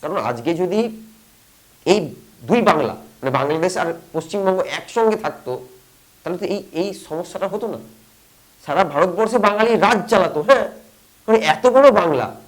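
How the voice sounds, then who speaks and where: Opinion commentator, from West Bengal, impassioned monologue, rhetorical questions, repeats phrases, mid pitch. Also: expressive, moderate pace, long pauses, rough recording.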